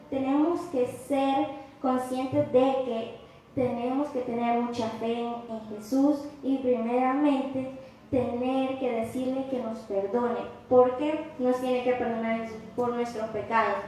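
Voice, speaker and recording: High-voiced woman preaching in an echoey hall. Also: fairly even intonation, unhurried. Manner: impassioned preaching, rising to loud cries when quoting. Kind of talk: sermon. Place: church. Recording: very echoey church hall, faint noise.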